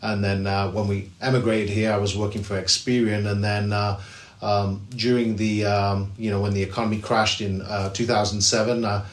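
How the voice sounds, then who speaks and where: An English real estate agent from England answers podcast interview questions chattily, with many fillers and restarts. His voice sits on the low side with a flat delivery at normal speed, recorded in an echoey room.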